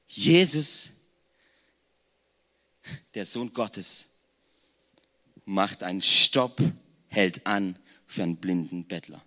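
A man around forty preaching a lively sermon in a conversational tone, speaking straight to the congregation. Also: low-pitched, very slow, long pauses. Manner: conversational, addresses the congregation directly, mixes in English slang words. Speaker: pastor.

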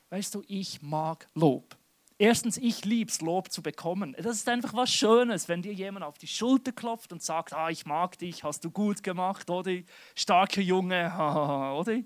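Lebhafter Prediger in der Kirche. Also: male voice, high voice. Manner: lively, jokey, addresses listeners directly. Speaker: pastor. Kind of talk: sermon.

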